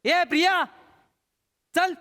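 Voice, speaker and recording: A man's voice: extremely high pitch, steady tone, very slow, in a large hall, heavily acted. A man acting an exasperated, bossy husband and son in a stage comedy sketch. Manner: loud, hectoring, repetitive.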